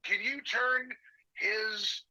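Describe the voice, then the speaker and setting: A man on a phone call played through a speakerphone, chatting casually and joking in quick bursts. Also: high voice, bright, forceful tone, dry recording. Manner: jokey, talks in quick bursts. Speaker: caller on the phone. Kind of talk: casual chat. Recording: phone audio held up to a studio mic.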